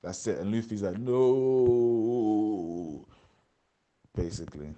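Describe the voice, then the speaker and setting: A young man with a London accent, hosting a casual chat on a voice call, animated and swearing, often talking over his co-host. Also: on the low side, normal speed, highs cut off, heavy background noise. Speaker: podcast host.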